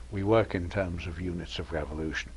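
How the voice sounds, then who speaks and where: A man giving an informal university math lecture, pausing often with ums and uhs and adding dry humor. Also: deep voice, gravelly, husky. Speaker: mathematics professor lecturing. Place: lecture room with audience.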